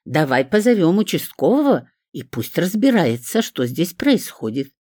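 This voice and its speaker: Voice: medium pitch, big pitch swings, moderate pace, a little mellow, no echo, clean studio sound, pitched above the performer's own voice. A reader voicing Lariska, a pushy, indignant woman who screeches and picks fights in an audiobook. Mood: scornful. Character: shrill scandalous middle-aged woman, pushy sister.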